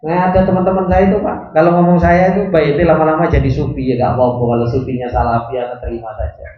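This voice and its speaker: A man's voice: a little high, fairly even intonation, slight background noise. Man teaching religion in an echoey room. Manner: keeps asking rhetorical questions and answers them himself; reads classical Arabic text slowly, then explains it. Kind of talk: religious study lesson. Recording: roomy, slightly dull recording.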